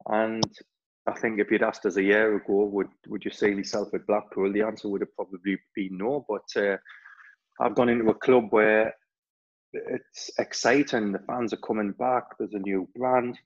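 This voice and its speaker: With a lowish, steady voice at a moderate pace, this man in his forties speaks in a Geordie accent, being from Newcastle, England. He's an ex-player who also worked on club staff, and his interview answers wander, full of fillers and restarts. The audio sounds dull.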